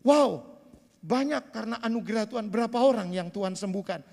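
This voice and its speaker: A man in his sixties preaching a sermon as pastor, swinging between loud emphatic bursts and quiet asides. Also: sits high, a little fast, vocal fry, long reverb tail. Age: 60s. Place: church sanctuary.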